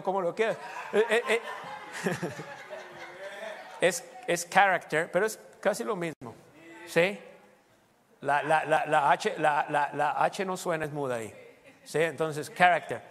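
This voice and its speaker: A pastor preaches and reads scripture with a somewhat high voice, breaking into loud, rising exclamations. His voice rings with long reverb in a church hall. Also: a little slow, long pauses. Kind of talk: sermon.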